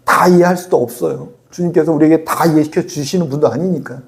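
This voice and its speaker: A male pastor delivering a sermon, lively and chatty, acting out quotes and laughing at his own asides. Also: on the high side, fast. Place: church sanctuary.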